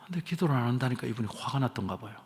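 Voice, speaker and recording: A man preaches a sermon, telling a story with humor. His pitch rises and falls freely as he speaks. His voice rings out with a long reverb through the church sanctuary. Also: very fast. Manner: animated storytelling with humor, quoting others. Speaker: pastor.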